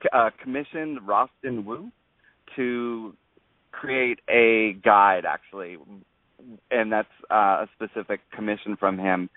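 A man's voice: fairly low pitch, dry recording. A man explaining informally as an interview guest, often searching for words. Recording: dry, tinny narrow radio sound.

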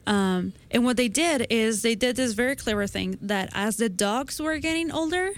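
A woman's voice: fairly high pitch, animated, normal speed. A woman in her twenties, a podcast co-host, walking her co-hosts through a science study step by step in casual conversation. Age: 20s.

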